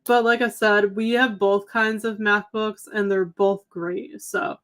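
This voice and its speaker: A woman's voice: medium pitch, little pitch movement, a little slow, fairly bright tone. Young adult woman, livestream co-host, casual filler-heavy chat, slightly tired voice. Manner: chatty, lots of "um" and "like". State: slightly losing her voice. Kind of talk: casual chat reading viewer comments.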